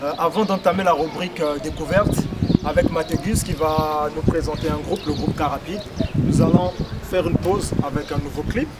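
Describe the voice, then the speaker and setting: A man's voice: a little high, moderate pace. A man presenting a show, announcing the next segment with some hesitant fillers. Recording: noisy recording.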